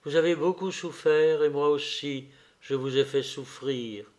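A man reading aloud and voicing an earnest, tender young woman in a soft, pleading way. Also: fairly high pitch, a little slow, lightly acted.

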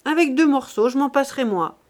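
A woman's voice: high voice, lively intonation, a little fast, voice pushed up. A woman reading a curt old miser. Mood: stern. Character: stingy old male miser, curt and commanding.

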